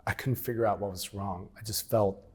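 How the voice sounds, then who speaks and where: A former military operator in his forties tells his story as an interview guest, frank and plain-spoken, often acting out past conversations. His lowish, slightly rough, darkish voice stays steady and fairly quick.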